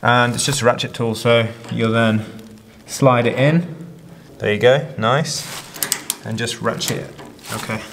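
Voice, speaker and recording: Demonstrating pipework in a bare room mid-renovation, a DIY plumber in his thirties with an English accent talks a little slowly, his mid-range voice fairly even in intonation and slightly bright. The casual tutorial is shot close up on a handheld or propped camera, and the empty space gives an echo along with some noise.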